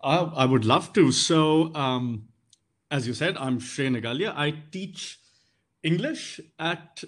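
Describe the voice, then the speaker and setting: A man's voice: on the high side, animated, slow pace. A man with an educated, posh Indian accent giving considered, articulate and formal interview answers, often rephrasing as he goes. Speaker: guest, English teacher and boarding school housemaster.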